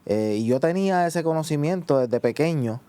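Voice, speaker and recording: A man with a Puerto Rican accent telling his personal testimony, halting and filling with "eh" and "pues". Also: fairly high pitch, lively intonation, warm tone, smooth. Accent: Puerto Rican Spanish. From Puerto Rico. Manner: halting, many "eh" and "pues" restarts. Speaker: guest giving testimony.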